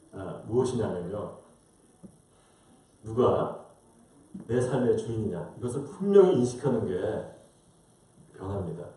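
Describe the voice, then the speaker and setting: A Korean-American man with a warm, mid-range voice preaches as a pastor in a church sanctuary. He asks rhetorical questions and voices the people he quotes, all picked up by a distant, roomy church microphone.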